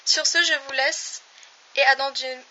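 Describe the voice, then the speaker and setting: Slow, high-voiced woman teaching language. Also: fairly even intonation, bright, forceful tone, dull audio, a little hiss or hum. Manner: slow, careful, repeats each word. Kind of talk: online language lesson.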